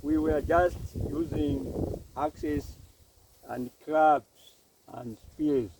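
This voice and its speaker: A man interpreting an interview outdoors, translating in halting phrases. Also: fairly high pitch, darkish tone. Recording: windy outdoor recording, distant mic, boat noise.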